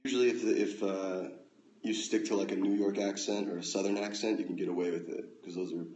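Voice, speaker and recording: An American man hosting a casual phone livestream at home, reading out comments with relaxed, dry, offhand replies. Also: low-pitched, fast, a little hiss or hum. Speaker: livestream host. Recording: echoey room, faint ambience.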